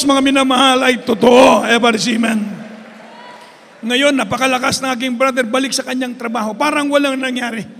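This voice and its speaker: A male Filipino preacher delivers a sermon in a very high, bright voice, switching freely between Tagalog and English. He returns again and again to the same fond address to his listeners. The voice carries a long reverb from a large church hall.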